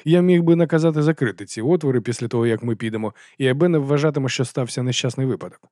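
Fast, deadpan male audiobook narrator. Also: medium pitch, no room sound. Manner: dry, deadpan and sardonic. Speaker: audiobook reader. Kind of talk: scripted first-person narration.

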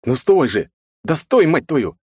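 A man's voice: medium pitch, lively intonation, quick pace, darkish tone, husky, no echo, clean studio sound, pitched above the performer's own voice. A man voicing an exasperated, blunt young man who swears as he argues. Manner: exasperated and coarse.

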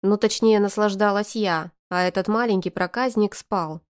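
A woman reading a first-person novel aloud in a lively, sarcastic manner. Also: medium pitch, normal speed, smooth. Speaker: audiobook narrator.

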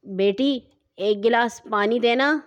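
A woman's voice: on the high side, dull audio, close to an everyday voice. Drowsy dad in a kids' audio story, grumbling and half asleep, read by a woman. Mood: sleepy. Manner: sleepy, grumbling. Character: drowsy father grumbling from his bed.

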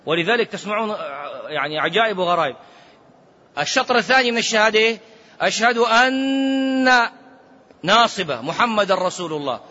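High-voiced bright male preacher in a hall. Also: quick pace. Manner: lively, mixes colloquial Arabic with quoted scripture, chants some phrases. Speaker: sheikh giving a religious lesson. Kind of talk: sermon-style religious lesson. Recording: lo-fi recording in a reverberant hall.

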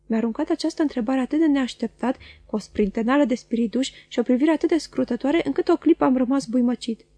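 Warm woman reading a novel aloud. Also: high voice, no room sound. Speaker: audiobook reader.

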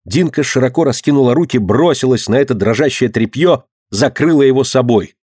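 Man, audiobook narrator, measured, expressive, middle pitch, dry studio sound. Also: slightly rough, no room sound. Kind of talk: scripted narration.

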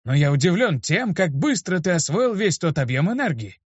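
A man voicing a grumpy old male mage with a creaky, gruff voice, in a dull, dry lo-fi recording. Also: a little high, sing-song, moderate pace, no echo, pitched above the performer's own voice. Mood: lecturing. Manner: gruff, scolding.

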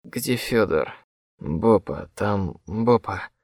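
A man's voice: fairly low pitch, animated, very slow, a little mellow, no room sound, clean studio sound. A man narrating in the first person, his voice a faint, dreamy, half-conscious murmur that seems to come from far off. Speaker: audiobook narrator.

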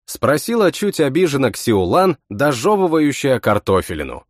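Lively male audiobook narrator, dry sound. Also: medium pitch, moderate pace, no room sound. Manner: expressive, voices every character himself. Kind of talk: first-person fantasy audiobook narration.

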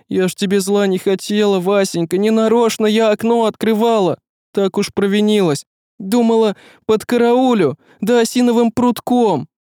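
A man's voice: high voice, a little mellow, no echo, clean studio sound, voice pushed up, natural voice. A man voicing a tearful rustic village girl. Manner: old-fashioned rustic folk speech, tearful. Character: frightened, earnest young village girl.

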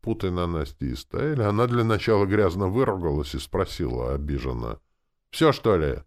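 A man narrating a first-person audiobook in an expressive, gruff manner. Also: sits low, a little fast.

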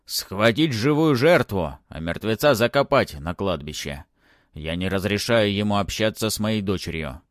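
A man voicing a domineering, fanged old baron who talks hoarsely and threateningly in an audiobook. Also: on the low side, expressive, moderate pace, no echo, studio quality, close to an everyday voice. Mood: commanding.

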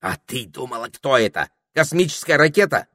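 A man's voice: mid-range voice, big pitch swings, fairly quick, fairly bright tone, dry recording, studio quality, pitched above the performer's own voice. A man voicing a cheerful, teasing male parrot in a storybook reading. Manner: jaunty, teasing, soothing.

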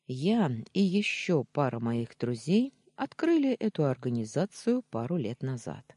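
A reader as a gentle soothing married man. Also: medium pitch, very animated, measured pace, no echo. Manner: soft, reassuring.

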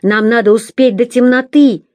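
A woman's voice: mid-range voice, unhurried, dry recording, natural voice. A woman doing a bitter, snarling young man. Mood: barking. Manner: harsh, barking, contemptuous. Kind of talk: audiobook character voice.

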